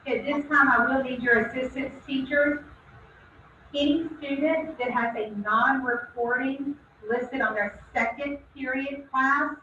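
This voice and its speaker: A woman making a polite, businesslike school announcement over the intercom loudspeaker. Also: sits high, a little hiss or hum. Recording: echoey tinny loudspeaker heard from far off.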